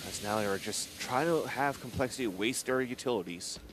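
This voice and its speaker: A man from France with a French accent, a native French speaker, calling a live video game match and building excitement on key plays. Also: medium pitch, fairly quick, noisy background. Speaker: esports play-by-play commentator.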